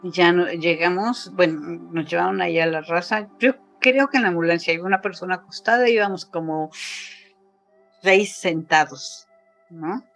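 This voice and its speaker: A woman's voice: lowish voice, normal speed, a bit bright, soft background music. Mexican woman retelling a survival story. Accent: Mexican Spanish. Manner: emotional retelling, voice rising when quoting others, frequent fillers. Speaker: guest. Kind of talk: personal testimony in a casual interview.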